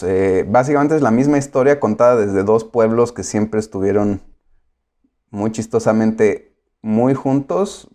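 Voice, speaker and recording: A man giving a lecture, pausing often with filler sounds and explaining patiently. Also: lowish voice, dark tone. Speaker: course lecturer.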